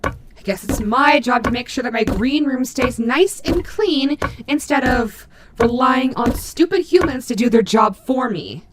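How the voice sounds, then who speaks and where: A woman's voice: sits high, animated, a little slow. A woman playing a female animatronic wolf in an audio roleplay, vain and sassy but protective and maternal, talking casually. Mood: vain, annoyed. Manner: sassy, casual, swearing, muttering asides to herself. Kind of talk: character audio roleplay, speaking to listener. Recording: heavy rain and thunder noise behind. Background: rainstorm sound effects.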